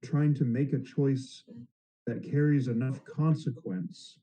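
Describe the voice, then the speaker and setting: A man's voice: mid-range voice, steady tone, takes it slowly, dark tone, poor audio. A man playing a tabletop game who asks questions and stumbles over his words. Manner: inquisitive, stumbling. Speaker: player. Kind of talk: casual tabletop play.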